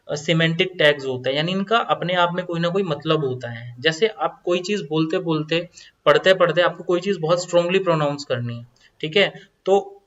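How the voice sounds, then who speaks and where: A man with a fairly high voice talks through a coding lesson step by step and goes back over key phrases as he shows each change. The sound is dull and lo-fi, like a cheap voice-over mic. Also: fairly bright tone. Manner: explaining step by step, repeats phrases. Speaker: coding tutorial teacher. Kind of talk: screen-recorded coding lesson.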